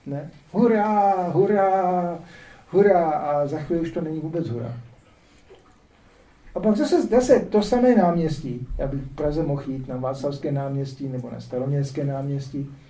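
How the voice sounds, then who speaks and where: A man's voice: a little high, expressive, mellow. An older man from the Czech Republic lecturing on scripture as a spiritual teacher, with ironic, rhetorical asides. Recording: roomy echo, distant mic.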